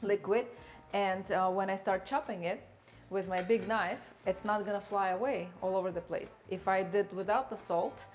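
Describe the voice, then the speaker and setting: A woman's voice: mid-range voice, fairly even intonation, normal speed, few pauses, faint music behind. A woman hosting a cooking show, chatting casually and explaining each step as she cooks. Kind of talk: casual chat while cooking.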